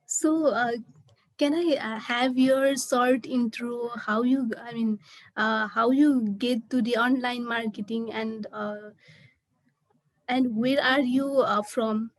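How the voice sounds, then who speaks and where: A woman's voice: on the high side, fairly even intonation, slow pace, no room sound, poor audio. A woman hosting an interview podcast, asking questions hesitantly with frequent fillers. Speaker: podcast host.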